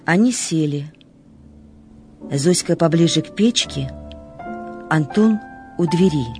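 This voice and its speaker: A woman's voice: sits low, lively intonation, slow pace, mellow, soft background music. A woman reading scripted literary narration as the narrator of a story.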